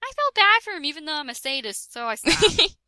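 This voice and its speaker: This young woman reads a fan fiction aloud for laughs, breaking off into jokes and mock-dramatic voices in a comedic dramatic reading mixed with chat. Her voice sits high and sounds very animated, brisk and sharp. The recording is dry and studio quality.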